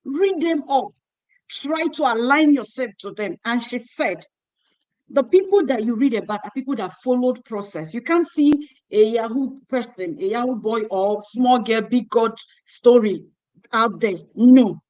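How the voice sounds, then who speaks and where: A woman, her voice set a little high, urges her young listeners on with preacherly repetition. She hosts a ministry livestream, speaking into a phone held in her hand. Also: lively intonation, unhurried, darkish tone, poor audio. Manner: exhortative, preacherly, repeating phrases. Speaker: host. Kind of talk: closing remarks on a livestream.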